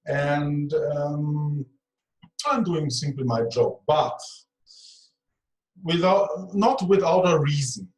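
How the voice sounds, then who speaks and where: A man in his forties, a guest in an interview, who talks slowly and searches for words, often stopping to correct himself. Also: on the high side, darkish tone. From Germany. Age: 40s. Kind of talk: slow, halting conversation. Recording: echoey room.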